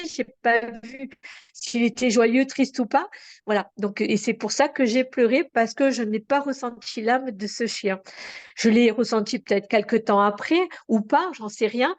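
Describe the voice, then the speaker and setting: An earnest woman speaking as an interview guest, her voice a little high. She tells her story conversationally, pausing and restarting often. The sound is dry and close to the mic. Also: dry recording. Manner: earnest, halting with fillers and restarts.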